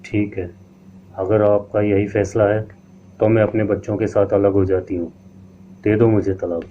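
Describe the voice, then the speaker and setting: A man's voice: lowish voice, little pitch movement, normal speed, mellow, close to an everyday voice. A man voicing a hurt, proud wife of the house who speaks bitterly and sharply. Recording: tinny lo-fi line with faint hiss.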